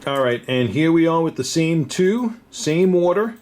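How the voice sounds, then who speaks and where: A man's voice: fairly high pitch, expressive, unhurried, darkish tone. A man with a New York accent, a diamond dealer talking through a casual, unscripted review, chatty and chuckling often. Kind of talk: casual product review vlog.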